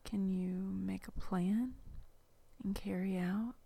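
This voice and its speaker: Whisper-voiced woman meditation guide, unhurried and breathy, close and dry. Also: mid-range voice, dry recording. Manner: soft unvoiced whisper throughout; calm, slow instructions with long pauses. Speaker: relaxation guide.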